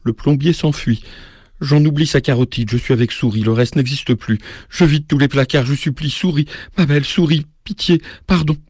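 A man giving an expressive, rhythmic reading of a book excerpt aloud. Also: fairly high pitch, moderate pace, husky, no room sound, studio quality. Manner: expressive, rhythmic, rising to frantic. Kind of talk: dramatic literary reading.

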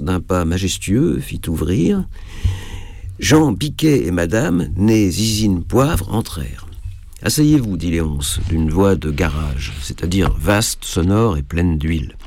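A man reading a comic story aloud, wry and expressive, with the occasional small slip. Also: fairly low pitch, dry recording. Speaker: narrator.

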